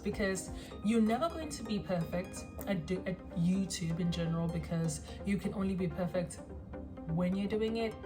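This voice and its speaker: Chatty South African woman in her twenties. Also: fairly low pitch. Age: 20s. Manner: rambling, frequent ums and pauses, self-conscious. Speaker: vlogger. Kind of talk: casual self-introduction to camera. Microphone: phone camera.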